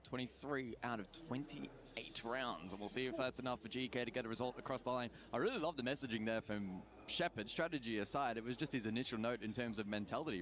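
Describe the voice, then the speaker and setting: A man giving measured color commentary on an esports match, calmly breaking down stats and plays. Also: mid-range voice. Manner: calm, analytical, reads out stats. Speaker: esports analyst caster.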